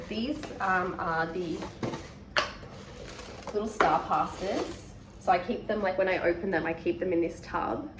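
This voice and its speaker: A young Australian woman who is sick and losing her voice, chatting casually with lots of fillers as she vlogs from her home kitchen on a clip-on mic. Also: fairly low pitch. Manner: rambling, with many fillers. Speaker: vlogger. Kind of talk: casual chat. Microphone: wireless clip-on mic. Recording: noisy home recording.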